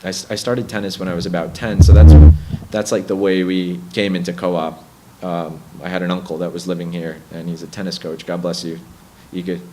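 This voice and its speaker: Young male musician guest, very low voice, relaxed and reflective, faint background hiss. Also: fairly quick, hardly any pauses. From Bronx, New York. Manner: relaxed, reflective storytelling with hesitant restarts. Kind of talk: casual interview chat.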